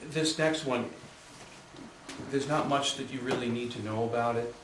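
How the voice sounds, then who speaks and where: A man giving a live poetry reading, introducing his poems with many hesitations and reading them slowly and deliberately. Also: medium pitch, fairly even intonation, background noise. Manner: hesitant, filler-heavy introductions; slow, measured reading. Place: room at a live reading with an audience. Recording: roomy, distant mic with faint ambience.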